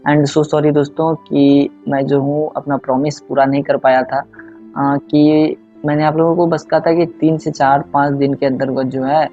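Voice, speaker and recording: A man's voice: on the high side, flat delivery, normal speed, mellow. Hindi-speaking man tutoring, checking in constantly. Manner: conversational, frequent "ठीक है?" check-ins, mixes English phrases. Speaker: online tutor. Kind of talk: explaining exam questions to students. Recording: slightly dull audio with faint background music.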